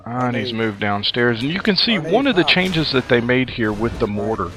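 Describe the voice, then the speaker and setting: A man's voice: medium pitch, sing-song, normal speed, over music. Rambling male gameplay commentator. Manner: rambling and conversational, many fillers. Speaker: gaming commentator.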